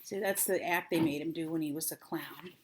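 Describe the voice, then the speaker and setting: An older woman, a grandmother, reading a children's storybook aloud with deliberate, dramatic phrasing and drawn-out words. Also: low voice, a little hiss or hum.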